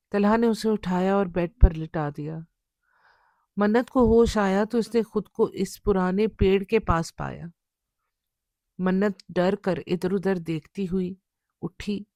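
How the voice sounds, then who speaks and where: A woman narrating a scripted horror story in a measured, dramatic way. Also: mid-range voice, mellow, no echo, clean studio sound.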